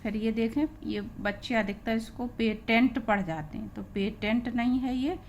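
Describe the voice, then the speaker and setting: In a classroom lesson on English pronunciation, a woman with an Indian accent spells words one letter at a time and repeats each sound. Her voice is a little high and darkish, with fairly even intonation at a moderate pace, and a little hiss or hum is audible.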